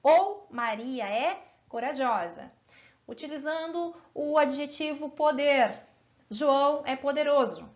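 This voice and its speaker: Woman teacher, high voice, encouraging classroom delivery, dull lo-fi sound. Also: lively intonation. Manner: encouraging, asks pupils frequent check-in questions; stretches out example words slowly. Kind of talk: grammar lesson for children.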